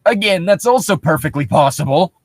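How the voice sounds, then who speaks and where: A male co-host riffs comedically on internet horror tales he reads out, swearing casually and sounding sarcastic and amazed. His fairly quick, higher voice has lively intonation, captured at studio quality without echo.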